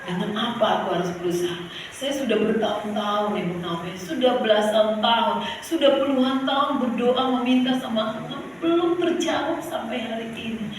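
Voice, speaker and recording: A woman's voice: a little high, normal speed, noisy background. A woman preacher giving a sermon, calling out to the congregation and sometimes breaking into song. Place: church hall. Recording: echoey hall, heard from far off.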